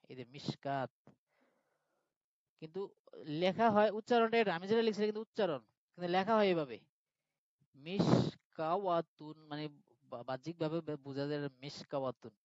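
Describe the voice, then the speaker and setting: A man with a fairly high voice teaching a live online grammar class. He walks through each point patiently and keeps asking whether his students follow. The sound is dry, close and a little muffled. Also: animated, fast talker, long pauses, no echo. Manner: patient step-by-step explaining, checks in with students.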